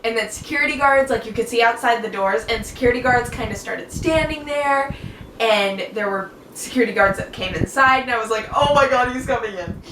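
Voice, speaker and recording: A woman's voice: a little high, brisk. Gushing teen girl vlogger, roomy echo. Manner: gushing, excitable, many fillers. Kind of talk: casual storytelling. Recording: echoey room, far from mic, noisy.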